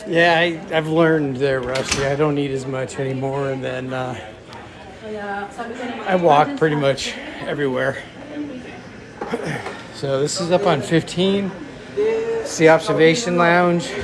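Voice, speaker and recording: A man casually vlogging as he walks through a cruise ship, chatting to viewers as he goes. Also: fairly high pitch. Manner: chatty, talks to viewers while walking. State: out of breath from climbing stairs. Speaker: travel vlogger. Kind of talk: casual walking vlog. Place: cruise ship interior, stairwells and lounges.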